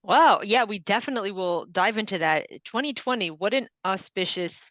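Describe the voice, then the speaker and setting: A woman's voice: mid-range voice, lively intonation, normal speed, a bit bright, no echo. A woman hosting a podcast, reading an upbeat intro and asking the guest questions. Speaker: podcast host. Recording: dry, dull lo-fi sound.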